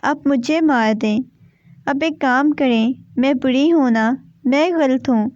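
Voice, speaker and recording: A frightened, tearful young wife, as a woman reader puts her on, with a high voice. The sound is dry and somewhat dull. It is read like a storybook. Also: a little mellow, no room sound, close to an everyday voice.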